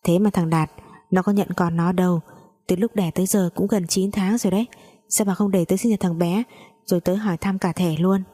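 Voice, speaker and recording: Woman reads a scolding storybook mother, biting sarcasm, mellow low tone. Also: steady tone, fairly quick, close to an everyday voice. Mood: sarcastic. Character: sharp-tongued scolding mother.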